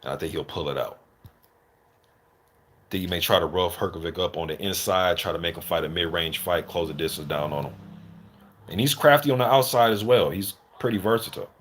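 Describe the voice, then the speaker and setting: Sitting low in pitch, his voice is fairly quick with a fairly bright tone. As a boxing commentator running a live stream, he talks informally with viewers, full of slang and some swearing.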